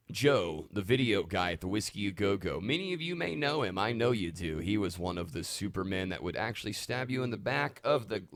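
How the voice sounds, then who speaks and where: A man hosting a live stream from his music studio, rambling excitedly between stories and talk about his gear. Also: on the low side, gravelly, no room sound.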